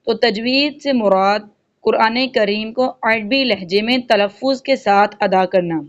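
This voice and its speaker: A woman teaching Quran recitation rules step by step, patiently explaining and slowly drawing out each recited word. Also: on the high side, highs cut off. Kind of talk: spoken lesson with recited examples.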